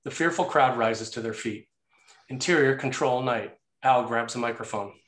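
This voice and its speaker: This man reads screenplay scene headings and action aloud at an ordinary pace, his voice mid-pitched with a fairly bright tone. The scripted reading sounds roomy and full of echo.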